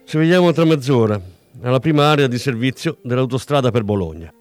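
A man's voice: mid-range voice, expressive, a little fast, no echo, soft background music, natural voice. A man reading aloud, voicing a brusque, no-nonsense senior policeman.

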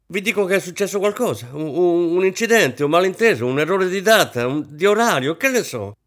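A man reading aloud voices an anxious wealthy hostess, a woman who talks in a frantic, high-strung way. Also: big pitch swings, a little fast.

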